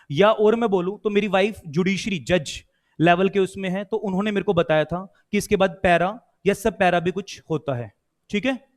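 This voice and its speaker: High-voiced Indian man teaching law. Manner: quizzes students, mixes Hindi with English. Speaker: law teacher for company secretary students. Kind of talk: online class lecture.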